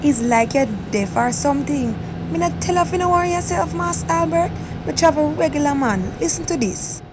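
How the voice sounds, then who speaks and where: Woman playing a high-voiced bossy Jamaican traveller. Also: moderate pace, natural voice. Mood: scolding. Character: boastful, scolding seasoned traveller, bossy and familiar. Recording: noisy vehicle-like background.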